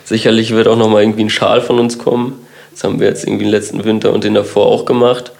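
A man's voice: lowish voice, level tone, fast talker, vocal fry, a little mellow. A man speaking as a guest in a casual talk, easygoing and upbeat. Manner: easygoing, upbeat, good-humoured. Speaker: guest, designer. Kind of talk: casual interview chat.

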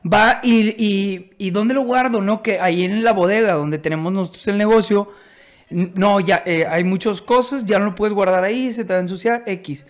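A man with a Mexican Spanish accent telling family anecdotes in a casual podcast chat, animated and rambling, restarting his sentences. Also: sits high, normal speed. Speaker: podcast co-host.

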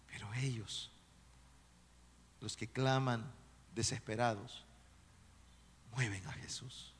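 Pastor fervoroso, habla pausada, eco largo de iglesia. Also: male voice, medium pitch, steady tone, slight background noise. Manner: impassioned, swings from shouting to hushed. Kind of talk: sermon. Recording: echoey hall with soft music.

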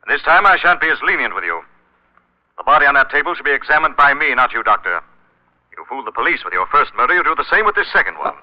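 A menacing, mocking crime-fighter played by a man who sounds as if he knows everything. His theatrical delivery swings widely in pitch, on a muffled vintage radio recording. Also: sing-song, fast, natural voice. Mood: mocking menace. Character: sinister, mocking, all-knowing male crime-fighting avenger. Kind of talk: 1940s radio mystery acting. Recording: muffled old radio broadcast.

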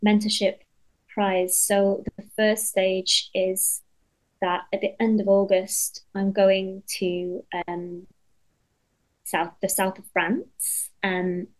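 Chatty, animated woman songwriter. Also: mid-range voice, slow, poor audio. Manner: animated, chatty, many fillers and restarts, swears casually. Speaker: interviewee, songwriter. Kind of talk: casual interview conversation.

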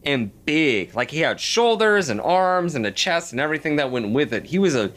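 A man's voice: fairly high pitch, big pitch swings, moderate pace, background noise. A man in his thirties telling a story in casual chat, rambling and full of "like" fillers. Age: 30s. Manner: rambling, heavy use of "like" fillers.

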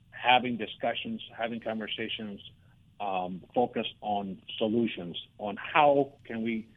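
Halting man on a phone-like line. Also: lowish voice. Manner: halting, hesitant, many repeated starts. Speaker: interview guest. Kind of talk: conversational interview answers. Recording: narrow phone-like radio line.

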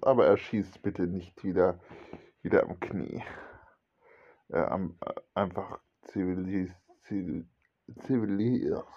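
A man narrating a homemade radio-play story, switching between narration and the characters' lines without strongly changing his voice. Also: fairly low pitch. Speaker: hobby storyteller voicing every character. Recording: dull lo-fi home recording.

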